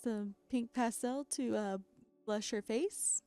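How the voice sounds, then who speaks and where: Worn out from a sleepless night, a woman who customizes dolls chats through her work in a casual voice-over, often with self-deprecating laughs. Her voice is on the high side, creaky, and prone to cracking, and she takes it slowly. The recording has no echo, with faint music underneath.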